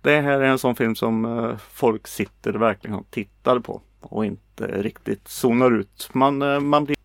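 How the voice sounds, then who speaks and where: Swedish man, podcast co-host, easygoing and halting, gravelly mid-pitch voice, dry close sound. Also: no room sound. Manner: relaxed, hesitant with many fillers. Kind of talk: casual film chat.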